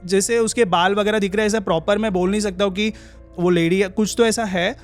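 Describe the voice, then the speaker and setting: A young man with a notably high-pitched voice, telling a personal story as a podcast guest. He speaks casually and haltingly, pausing and restarting often. Soft music plays quietly underneath. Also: steady tone. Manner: halting, drawn-out pauses and restarts.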